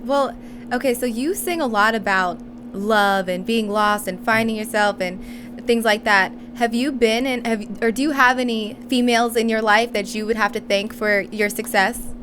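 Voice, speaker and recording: A woman's voice: a little high, normal speed, noisy background. A woman interviewing a singer in casual chat, chatty and affirming. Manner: chatty, affirming, laughs easily.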